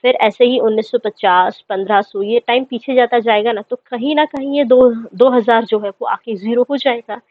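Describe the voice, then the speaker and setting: A woman's voice: fairly high pitch, normal speed, hardly any pauses, no room sound. Woman teacher on a tinny, dry line. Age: 30s. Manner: explains step by step, checks in with "ठीक है". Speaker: history teacher. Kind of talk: lecture reading English text and explaining in Hindi. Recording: dry, tinny phone-like sound.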